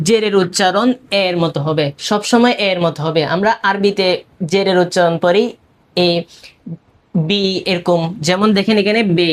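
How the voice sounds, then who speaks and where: A woman teaching a beginners' language class, explaining letter rules step by step and repeating each example word several times. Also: mid-range voice.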